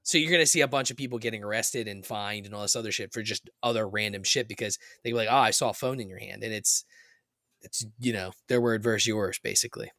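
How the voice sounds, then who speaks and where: A man's voice: fairly low pitch, quick pace, dry recording, studio quality. A man co-hosting a podcast in casual chat, talking loosely with lots of "like" and "dude". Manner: excited, laid-back, lots of "like" and "dude". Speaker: podcast co-host.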